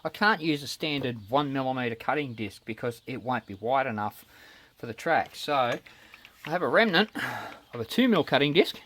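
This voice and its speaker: A man's voice: medium pitch, lively intonation, moderate pace, fairly bright tone. A man giving casual, matter-of-fact, step-by-step narration of hands-on metalwork. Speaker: DIY metalworking presenter. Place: home metal workshop. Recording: clear machinery noise in workshop. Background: saw running, clicks and machine noise.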